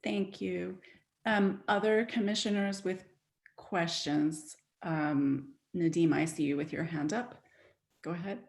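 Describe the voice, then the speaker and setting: Woman chair calling on people, short quiet prompts, lowish voice. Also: fairly even intonation, slow pace, vocal fry. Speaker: meeting chair. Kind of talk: chairing a public meeting.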